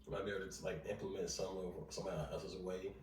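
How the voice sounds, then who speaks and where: A man in a quick, slangy casual chat, mostly agreeing and adding his own points. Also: low voice, little pitch movement. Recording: roomy sound, distant mic, clear background noise.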